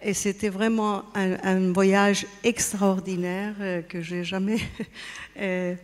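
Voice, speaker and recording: A woman speaks French as a second language with a foreign accent. She goes slowly and haltingly, feeling for words as she gives an informal account at a conference. Long hall reverb surrounds her voice. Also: medium pitch, little pitch movement. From Austria and Spain. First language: not French. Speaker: guest speaker, pyramid site representative.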